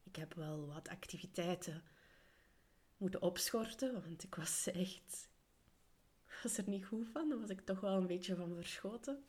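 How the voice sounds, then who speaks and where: A Flemish woman hosting a solo podcast while ill, her weak voice often slipping into a whisper; she speaks in a calm, earnest way with thoughtful pauses. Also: fairly low pitch, breathy edge. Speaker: podcast host and coach for separated parents.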